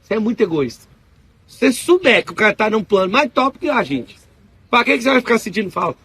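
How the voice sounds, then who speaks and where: Fast, animated Brazilian man preaching. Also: sits high, slightly rough, no echo. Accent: Brazilian Portuguese. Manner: animated, slangy storytelling. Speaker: spiritual speaker. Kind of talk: casual spiritual talk to an audience.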